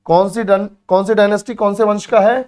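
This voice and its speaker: Male coaching teacher, higher-pitched voice, drills terms by repetition, quizzes his students and answers his own questions. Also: little pitch movement, brisk, a little mellow. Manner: repeats key words for drilling, calls students beta and bhai; asks students questions then answers himself. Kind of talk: exam-prep history lesson.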